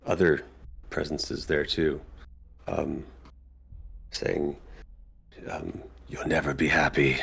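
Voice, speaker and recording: A man's voice: a bass voice, vocal fry, slightly rough. A man narrating as dungeon master in a tabletop game, talking in a hesitant way with many ums and frequent laughs.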